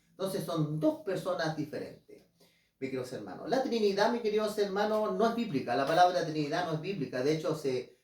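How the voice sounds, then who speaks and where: A man preaching a Bible teaching sermon, earnestly addressing his listeners as dear brothers and reading scripture slowly and deliberately. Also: fairly high pitch. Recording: roomy, mic at a distance.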